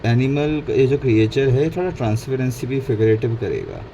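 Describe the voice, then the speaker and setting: Heard on a rough recording with faint background noise, this man has a dark, medium-pitched voice with big pitch swings at normal speed. He's a painting instructor talking through a casual tutorial, switching between Hindi and English and fixing his slips along the way.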